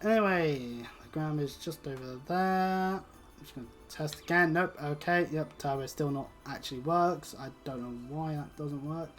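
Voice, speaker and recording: British let's player, mid-pitched voice, sweary and sardonic rambling commentary over game music. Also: normal speed. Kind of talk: casual gameplay commentary. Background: video game music.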